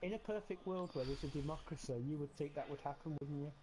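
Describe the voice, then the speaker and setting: A man's voice: on the high side, fast talker, dark tone, a little hiss or hum. A man chatting casually as an organiser within an online gaming group. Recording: other players' chatter behind.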